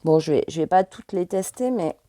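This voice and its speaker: A woman's voice: fairly low pitch, lively intonation, fairly quick, dark tone, no room sound. A French woman vlogger chatting casually and hesitantly, full of fillers, while showing her purchases. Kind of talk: casual chat.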